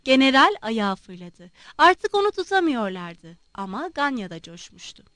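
A woman reads a novel aloud as an audiobook narrator, in an expressive, scripted style. Her voice sits high, and the recording is dry and close to the mic. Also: normal speed, no room sound. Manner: expressive reading.

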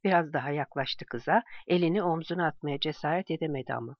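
An audiobook narrator reading a novel chapter in an even, measured way. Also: mid-range voice, no echo, highs cut off. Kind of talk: scripted narration.

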